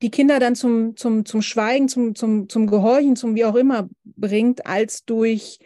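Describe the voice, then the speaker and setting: A woman in her thirties speaks as a podcast guest, working her thoughts out slowly with many restarts. Her voice is mellow and a little high, and the sound is close and dry. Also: steady tone, no room sound. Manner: thoughtful, halting with many repeated starts. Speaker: podcast guest, family counselor. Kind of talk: casual podcast conversation.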